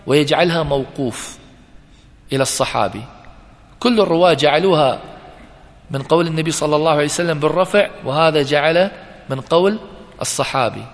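A male teacher giving a classroom lecture, repeating key terms slowly and putting questions to his students. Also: fairly high pitch. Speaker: teacher of hadith sciences. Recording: long reverb in a hall.

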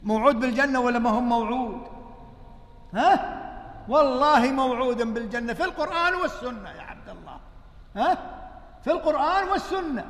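A man's voice: very high-pitched, lively intonation, brisk, pauses often, fairly bright tone. A man preaching a sermon, telling the story with emotion and firing rhetorical questions at his listeners. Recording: long hall reverb.

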